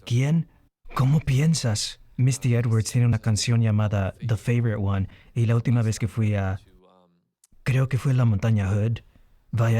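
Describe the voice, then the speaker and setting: A man's voice: medium pitch, mellow. A man preaching a sermon in an earnest teaching manner, lifting his voice on key points.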